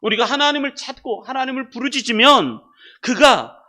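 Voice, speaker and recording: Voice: high voice, expressive, normal speed. A pastor preaching a sermon, addressing the congregation directly and repeating key words for emphasis. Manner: dramatic, swings between loud emphasis and hushed asides; addresses the congregation directly and asks rhetorical questions.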